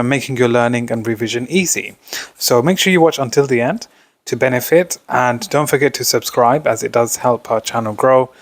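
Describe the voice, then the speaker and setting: A tutor with a mid-range male voice presents an exam revision lesson, talking informally over his notes. He explains as he goes, raising questions and then answering them himself, in a dry recording.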